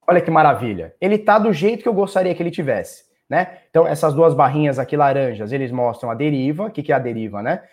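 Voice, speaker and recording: A man's voice: a little high, animated, fast talker, hardly any pauses, darkish tone. A Brazilian man hosting a casual live stream, chatting with viewers, quizzing them and throwing in playful sound words as he goes. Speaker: crypto market live-stream host.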